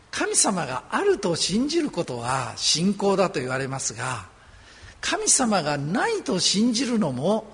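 A man from Osaka, Japan preaching a sermon as a pastor, earnest and conversational with gentle humor. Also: fairly high pitch, gravelly, breathy edge. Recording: long hall reverb.

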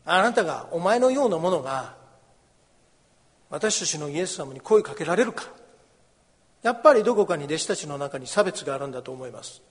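High-voiced pastor preaching in a reverberant hall. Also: male voice, big pitch swings, brisk, pauses often. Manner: explains scripture, acts out the beggar's and crowd's cries. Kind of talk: sermon.

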